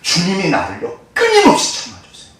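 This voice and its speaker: A man preaching a sermon as a pastor, animated, moving between loud exclamations and soft, hushed quotes. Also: high voice, fairly quick. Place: church sanctuary. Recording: echoey church hall, mic at a distance.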